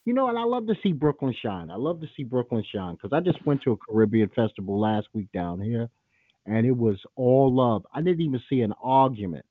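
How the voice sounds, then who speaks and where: A man's voice: medium pitch, very animated, brisk, no room sound, narrow, tinny audio. A man hosting a call-in show, talking in a blunt, profane and opinionated way. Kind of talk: casual call-in radio talk.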